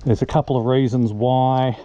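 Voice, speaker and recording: A man's voice: mid-range voice, steady tone, normal speed, dull audio. An Australian man talks through a motorbike repair in a loose, chatty, self-mocking way, puffing a little as he works. He is recorded on a helmet-mounted camera, and the audio is noisy, with clicks and clanks of tools behind him. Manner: chatty, self-deprecating, thinking aloud. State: out of breath. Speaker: motorbike DIY vlogger. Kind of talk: casual how-to talk while working. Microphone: helmet-mounted action camera.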